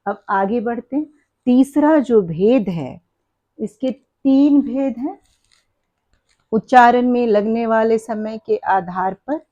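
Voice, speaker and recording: A woman teacher with a mellow, medium-pitched voice walks her class through an exam-prep lesson step by step, posing questions, counting items aloud, and fixing her own slips. The recording is dull and lo-fi.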